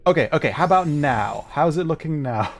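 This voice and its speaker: A man streams himself playing a video game, chatting casually while he troubleshoots, flustered, apologetic and quick to put himself down. His voice is a little high, brisk and lively in intonation.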